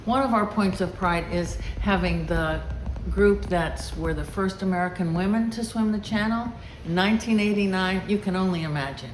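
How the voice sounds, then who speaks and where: A woman's voice: mid-range voice, moderate pace. A woman from a swim club, speaking proudly and enthusiastically in a documentary interview. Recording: roomy with clear background noise.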